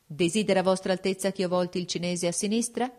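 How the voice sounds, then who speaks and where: A woman's voice: on the low side, steady tone, quick pace, a little mellow, lightly acted. A woman reading an audiobook, voicing a shrewd, composed court duchess who speaks frankly and persuasively.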